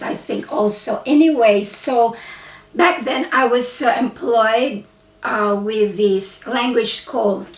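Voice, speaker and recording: A Filipino vlogger and English teacher, speaking with a Filipino accent, chats casually to camera for her viewers, slow and meandering, frequently stopping to correct herself. Her voice is a little high, and she sounds distant from the mic in a roomy, reverberant space.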